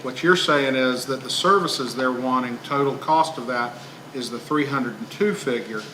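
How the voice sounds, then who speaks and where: A man's voice: medium pitch, moderate pace, bright, forceful tone. Careful-spoken man in an echoey meeting room. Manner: tentative, careful phrasing. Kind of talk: questioning at a public meeting. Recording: echoey noisy room, distant mic.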